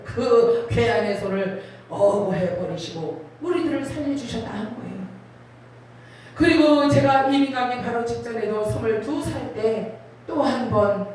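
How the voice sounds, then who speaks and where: A middle-aged woman preacher pours out a dramatic personal testimony, her fairly high voice swinging between hushed and soaring. She sounds set back from the mic in a big hall full of echo, with a faint hiss underneath. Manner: emotional, dramatic storytelling with sudden rises. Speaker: revival preacher. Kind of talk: sermon testimony. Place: large prayer retreat hall. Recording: very echoey hall, voice from far off.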